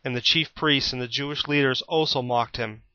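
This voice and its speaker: A man reads scripture aloud with a bright, forward tone. His delivery is steady and plain, like a storyteller. The recording is dry and slightly dull. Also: medium pitch, normal speed, no room sound. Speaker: Bible reader. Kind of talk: scripted Bible reading.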